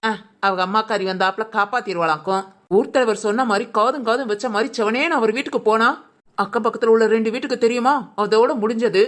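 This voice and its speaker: A woman's voice: fairly high pitch, quick pace, natural voice. A woman voicing a spiteful, gossiping village woman in a cartoon drama. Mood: sneering. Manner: sneering, gossipy.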